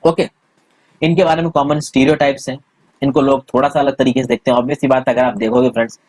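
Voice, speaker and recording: A man's voice: mid-range voice, steady tone, quick pace, a little mellow, dry recording. A man teaching a civics lesson, explaining step by step and asking if students follow. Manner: explains step by step, checks understanding with questions. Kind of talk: Hindi-English civics lesson.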